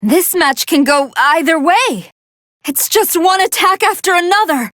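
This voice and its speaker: Female android scientist, video game fight commentator, very high voice, animated intonation, articulate, analytical. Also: a little slow, no echo, clean studio sound, heavily acted. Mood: composed, analytical.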